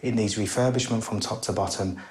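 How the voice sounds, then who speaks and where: A man's voice: on the low side, fairly even intonation, fairly quick, a little mellow. A man working as an estate agent, giving a matter-of-fact appraisal of a house point by point. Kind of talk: property appraisal. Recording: echoey room with faint music.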